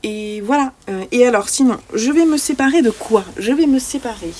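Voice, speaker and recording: A woman's voice: fairly high pitch, moderate pace, warm tone, slight background noise. A woman vlogging casually about the books she has read, talking freely and often searching for her words with fillers and restarts. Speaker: book vlogger. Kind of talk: casual book review chat.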